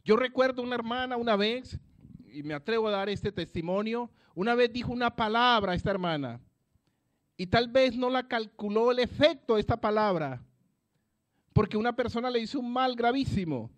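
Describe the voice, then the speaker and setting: Speaking at an extremely high pitch, a man delivers a sermon at an evangelistic campaign. He hammers his points by repeating phrases and shifts between booming declarations and quiet asides.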